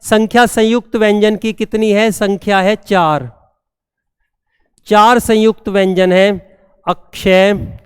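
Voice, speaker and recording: A man teaching a classroom grammar lesson, repeating each term slowly and checking that students have understood. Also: high voice, fairly even intonation, clear, resonant tone, studio quality. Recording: long hall reverb.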